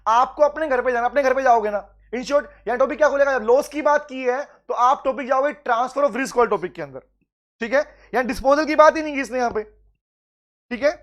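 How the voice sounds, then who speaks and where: A man with an Indian accent teaching law in a live online class, calling students by name, reading questions slowly and then explaining. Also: very high voice, fairly bright tone, dull audio. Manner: addresses students as "beta", mixes Hindi and English, reads questions aloud slowly.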